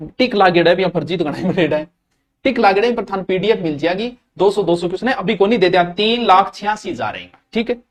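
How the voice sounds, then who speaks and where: A high-voiced man with a Rajasthani accent teaches Hindi grammar in a live online exam-prep class. He chats directly with his students and slips into local dialect.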